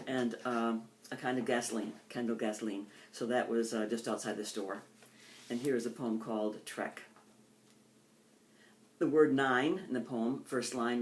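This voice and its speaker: An older American woman, a poet from the United States, reads her own poems in deliberate phrases and introduces them informally. Her voice is bass, with slight background noise.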